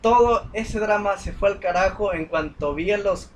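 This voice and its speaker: A man's voice: high voice, moderate pace, a little hiss or hum, poor audio. A young man telling a story in casual chat, with many fillers and restarts. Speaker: podcast co-host.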